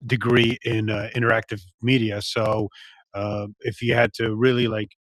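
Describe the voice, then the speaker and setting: A man's voice: fairly low pitch, level tone, moderate pace, fairly bright tone, no echo. Man, 40s, from Poland, native Polish, reflective, hesitant, dry close sound. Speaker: podcast guest. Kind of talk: casual interview.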